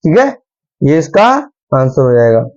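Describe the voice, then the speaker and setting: A young man with a mid-range voice, big pitch swings and a slightly mellow tone teaches math at a board at a moderate pace. He patiently repeats the steps and quizzes his students; the recording is dull and lo-fi.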